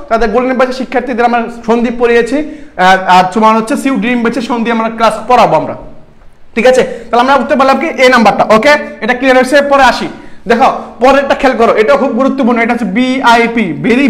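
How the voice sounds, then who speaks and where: A man's voice: very high voice, fairly bright tone. A young man, tutoring students for an admission exam, quizzing them and repeating key answers. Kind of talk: online exam-prep class.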